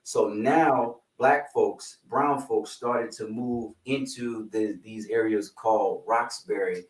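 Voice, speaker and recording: Animated male podcast co-host, casual and playful, on a distant echoey call mic. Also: lowish voice, slow. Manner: animated, playful, lots of slang and fillers. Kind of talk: casual podcast chat and guest introduction. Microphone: video call.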